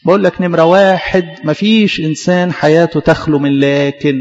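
A preacher with an Egyptian Arabic accent and a high but darkish-toned voice gives a quick sermon, repeatedly firing questions at the congregation. The muffled recording echoes with a big hall's long reverb, and faint music plays underneath.

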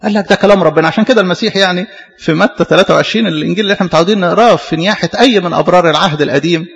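In a long-reverb hall, a man preaches with an Egyptian Arabic accent, his high voice gravelly and fairly bright. He blends colloquial retellings of Bible stories with scripture quotes, talking fast, echoing key lines, and posing rhetorical questions in an emphatic, teaching manner.

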